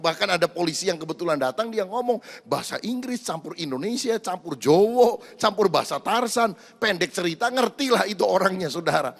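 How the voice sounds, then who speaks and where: A man's voice: fairly high pitch, gravelly. A male pastor preaching a sermon, telling a story and addressing the congregation directly. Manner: storytelling, animated, addresses congregation as brothers and sisters. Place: church. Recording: echoey church hall.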